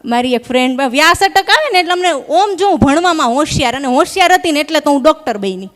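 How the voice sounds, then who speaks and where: A woman's voice: high-pitched, expressive, fast talker, a bit bright. A young woman performs stand-up on a live stage. She talks into a stage microphone, chatty and teasing with the crowd. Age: young adult. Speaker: stand-up comedian. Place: live stage at an event hall.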